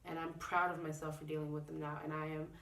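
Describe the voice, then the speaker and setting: A woman's voice: sits low, little pitch movement, fast, vocal fry, a bit bright. A young woman recording a personal video diary. She talks candidly and reflectively, with frequent fillers. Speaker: vlogger. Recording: echoey room, a bit far from mic.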